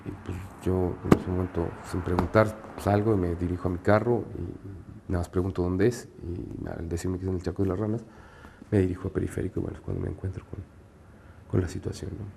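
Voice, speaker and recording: A man's voice: sits low, steady tone, brisk, vocal fry, mellow, a little hiss or hum. A man in an interview recounting a painful event steadily, with frequent hesitant fillers. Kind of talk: recounting a personal memory.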